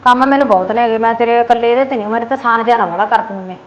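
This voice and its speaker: An actress playing a sharp-tongued sister-in-law who scolds with sarcasm. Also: female voice, fairly high pitch, steady tone, very fast, muffled recording, a crowd in the background, close to an everyday voice. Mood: snapping. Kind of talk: Punjabi short film acting.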